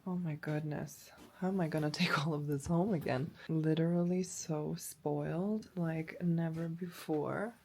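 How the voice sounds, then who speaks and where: A woman chatting casually in a beauty vlog, gushing and excitable, often dropping to a whisper and a bit out of breath, recorded in a hotel room. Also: low voice, a little slow, few pauses. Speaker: beauty vlogger.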